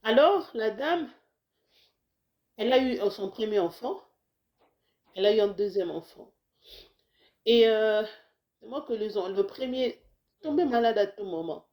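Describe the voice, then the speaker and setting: A slightly high, expressive woman's voice speaks unhurriedly and pauses often. She's a health video host from Congo now living in the United States, talking casually to camera while slightly hoarse with a cold, with warm exhortations to viewers, frequent restarts, and Lingala phrases mixed in.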